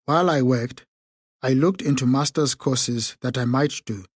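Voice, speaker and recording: A man reads a first-person memoir for an audiobook in a measured, unhurried manner. His voice is middle-pitched and slightly rough, recorded close in a dry studio with no room sound or echo.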